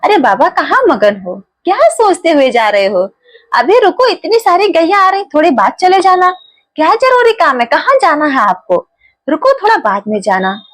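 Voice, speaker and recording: A woman's voice: high voice, sing-song, moderate pace, a bit bright. A woman voicing a small cowherd boy who coaxingly urges an old man to stop in a devotional story. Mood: urging. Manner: coaxing, repeatedly urging someone to stop.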